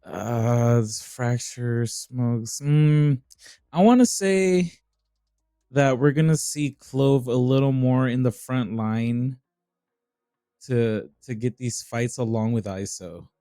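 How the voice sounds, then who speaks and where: A young man calls an esports match in a laid-back, rambling way, pausing to gather his thoughts. His voice is smooth and clear and his delivery is slow, with the sound close and dry. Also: medium pitch, dry recording. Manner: relaxed, rambling with frequent uh and restarts. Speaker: esports caster. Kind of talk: live esports commentary.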